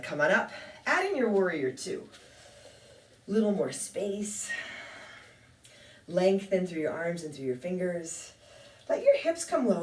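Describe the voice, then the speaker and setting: Lady yoga teacher calling out poses, kinda low voice but swoopy, echoey room, mic's a bit far off. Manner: calm cueing with light self-deprecating humor. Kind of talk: guided yoga class instruction. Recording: echoey room, mic at a distance.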